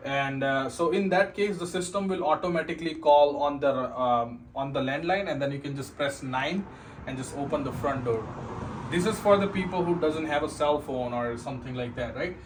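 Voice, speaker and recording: This security system installer, a man whose voice runs on the high side at a normal pace, demos the product in a casual, off-the-cuff way, going step by step and frequently ending remarks with a checking "right?". The audio quality is poor, with clear ambient noise behind him.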